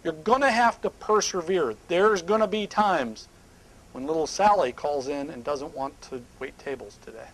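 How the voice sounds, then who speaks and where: A middle-aged man speaking at a live seminar on a small indoor stage, emphatic and animated, sometimes dropping to hushed asides. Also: on the high side, moderate pace, rough recording.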